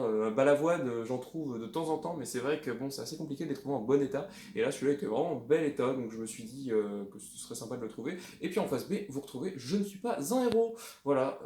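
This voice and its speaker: A man's voice: medium pitch, a little mellow. A man casually showing off his flea-market record finds, rambling with many hesitations and plain enthusiasm. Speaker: record collector vlogger. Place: indoors at home. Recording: echoey room.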